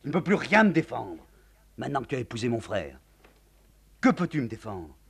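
A man's voice: medium pitch, very animated, fairly quick, gravelly, slightly rough, voice pushed up, full character voice. A man voicing a passionate, rebellious young man who speaks fervently in a play reading. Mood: defiant. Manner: fervent, declamatory.

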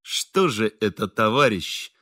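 A man's voice: lowish voice, big pitch swings, slow pace, pushed and bright, no room sound, studio quality, pitched below the performer's own voice, full character voice. A man doing a curt, commanding swindler. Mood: stern. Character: stern, confident male swindler. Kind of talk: audiobook reading.

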